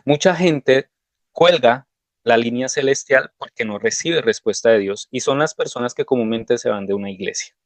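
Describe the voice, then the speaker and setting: A man's voice: medium pitch, no echo. Man preaching, dry close sound. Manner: conversational, anecdotal storytelling. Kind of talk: devotional sermon with personal stories.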